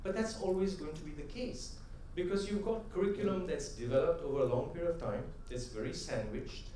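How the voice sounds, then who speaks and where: Brisk and mellow, a middle-aged man's fairly high voice carries an anecdote-filled conference talk in a large convention hall. He tags points with "right?" and drives toward rhythmic, emphatic punchlines. The distant mic leaves the sound echoey with a little hiss or hum.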